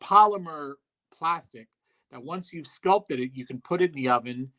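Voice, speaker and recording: Man talking shop about clay, blunt and dry, swears casually, bright forceful voice. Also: fairly high pitch, lively intonation, normal speed. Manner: blunt, dry, profane, offhand. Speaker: guest, monster sculptor. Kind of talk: casual interview talk.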